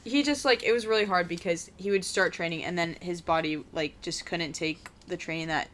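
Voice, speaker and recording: A woman's voice: lowish voice, brisk, a bit bright, a little hiss or hum. A young woman co-hosting a casual vlog, chatting with a friend while crafting and telling stories packed with "like" and little fillers. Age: young adult. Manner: chatty storyteller, many "like"s and fillers. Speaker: vlog co-host. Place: indoors at a craft table.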